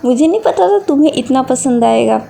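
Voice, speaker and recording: A woman voicing a doting, affectionate middle-aged mother in a storybook reading, with a soft, fond tone. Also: sits high, lively intonation, a little fast, vocal fry. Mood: pleased.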